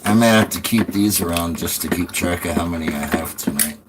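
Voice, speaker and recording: A man's voice: deep voice, a little fast. A man chatting casually on a livestream, rambling along and swearing freely. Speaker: live streamer. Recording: clearly noisy livestream audio.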